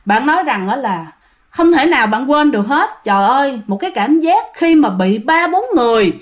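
A woman narrating ghost stories in a casual, animated way, talking straight to her listeners. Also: sits high, normal speed. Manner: animated, addresses listeners as "các bạn". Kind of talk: casual spoken storytelling.

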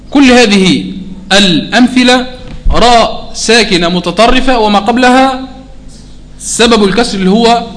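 A man with a high voice teaches a Quran recitation lesson. He explains the rules conversationally, slows right down to chant each example, and keeps asking his students whether it is clear. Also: fairly bright tone, slight background noise. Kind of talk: tajweed lesson.

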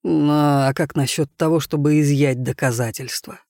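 A man reading an audiobook voices a stern, loyal wolf, speaking slowly and bluntly. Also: on the high side, steady tone, darkish tone, no room sound, clean studio sound, close to an everyday voice. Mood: conspiratorial.

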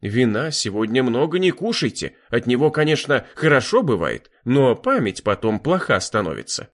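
A man voicing a sly, evasive old village elder who speaks slowly in a folksy, smiling way. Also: medium pitch, big pitch swings.

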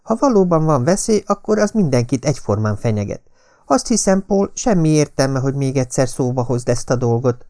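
A man reading a spirited, stubborn young woman in an audiobook, speaking in a brisk, decided way. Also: medium pitch, big pitch swings, mellow, pitched above the performer's own voice, lightly acted. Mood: firm.

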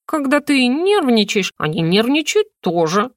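A woman voicing an excitable small female magical creature with a shrill, rapid way of exclaiming. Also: no room sound, studio quality. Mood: knowing, teasing.

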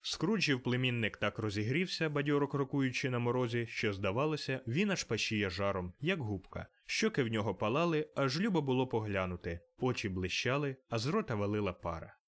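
A man narrates a classic tale in scripted audiobook style. His voice sits at a middle pitch, measured and even.

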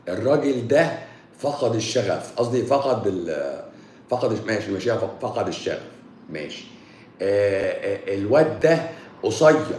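A man's voice: mid-range voice, echoey room, a little hiss or hum. A man with an Egyptian accent, a doctor giving a casual, joking talk on health in colloquial speech. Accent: Egyptian Arabic. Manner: joking, colloquial, animated explaining.

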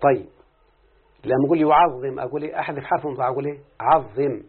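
A man's voice: mid-range voice, rapid-fire, husky. A man with an Egyptian accent works through an Arabic grammar lesson step by step and keeps checking with his teacher. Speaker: student reciting a grammar lesson. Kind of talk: Arabic morphology lesson, question and answer. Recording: tinny phone-like recording.

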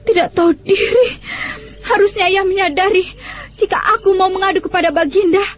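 Haughty young concubine, high voice. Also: female voice, fairly even intonation, brisk. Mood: aggrieved, vindictive. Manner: proud, biting, theatrical. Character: haughty, vain, spiteful young royal concubine. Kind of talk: melodramatic radio drama acting. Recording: muffled radio drama, music behind.

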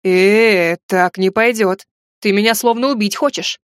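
A woman's voice: medium pitch, brisk, no echo, close to an everyday voice. A woman voicing a sardonic, teasing grown man in an audiobook, with a dry, mocking, bossy manner. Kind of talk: audiobook character voice.

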